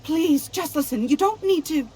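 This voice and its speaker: A woman's voice: high-pitched, lively intonation, moderate pace, dark tone, slight background noise. An actress playing a frightened, nervously pleading young woman in a video game. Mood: desperate pleading. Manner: nervous, pleading, stammering informant.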